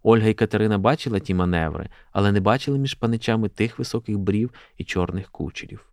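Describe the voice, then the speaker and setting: A man, a journalist, reading a classic prose excerpt aloud in a steady, measured way. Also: lowish voice, gravelly, dry recording, studio quality.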